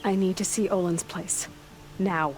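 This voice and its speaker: A woman's voice: on the low side, steady tone, a little slow, a little mellow, close to an everyday voice, low-quality recording. Aloy, a woman voicing a blunt young huntress. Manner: terse, direct, self-reliant. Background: game music.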